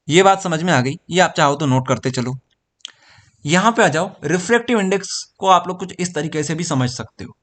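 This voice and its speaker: A man with a Hindi-speaking Indian accent lecturing on physics at a board. His voice sits a little high for a man. He goes slowly, repeats terms over and over and keeps checking that the class understands. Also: a bit bright. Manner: repetitive, explains each step slowly and checks understanding. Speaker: physics teacher.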